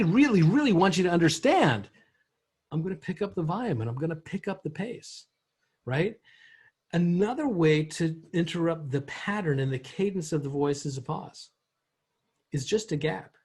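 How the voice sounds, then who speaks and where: A man giving a recorded training lesson on communication, conversational, often acting out voices and switching pitch and pace to demonstrate. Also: darkish tone, slightly rough. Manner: conversational, asks rhetorical questions.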